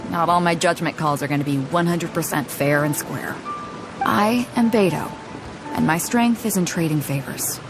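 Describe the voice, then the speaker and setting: With a low voice at a moderate pace, an actress brings a confident, laid-back ship captain to life in a game cutscene, making her bold and hearty and letting her laugh easily. Game music plays beneath.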